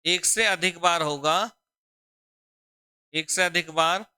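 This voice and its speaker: A man's voice: fairly high pitch, bright, forceful tone, smooth, dry recording. A man teaching a Hindi grammar lesson for exam preparation. He often repeats his own questions and calls the students "beta". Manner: drawn-out, deliberate explaining.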